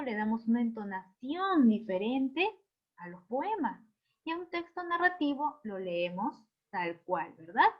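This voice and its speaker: Patient woman teacher for an online lesson, checks in with students often, slightly muffled audio. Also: a little high. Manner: patient, keeps asking "¿no?" and "¿verdad?"; reads verses aloud with extra intonation.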